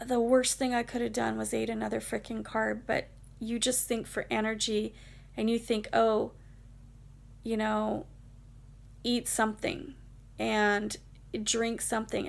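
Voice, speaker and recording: A woman vlogger telling a story from her own life, talking in a casual, rambling way with lots of fillers. Her voice is mid-pitched and full of heavy vocal fry, a gravelly creak running through her speech. She sounds emotional as she tells it.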